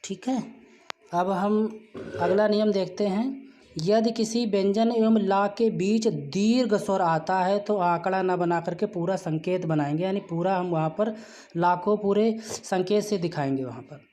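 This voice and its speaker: A patient, explanatory teacher talks through rules at a middling pitch, pausing on "uh" between phrases. Example words come out slowly, broken into single syllables, as in a classroom lesson. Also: warm tone. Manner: patient and explanatory, with frequent "uh" fillers. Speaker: shorthand teacher. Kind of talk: spoken classroom-style lesson.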